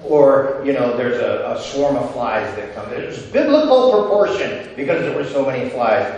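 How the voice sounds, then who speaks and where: A man preaching a sermon as a pastor, swinging from loud, excited passages to very quiet, intimate ones. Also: mid-range voice, moderate pace, creaky, highs cut off. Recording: echoey hall from far off.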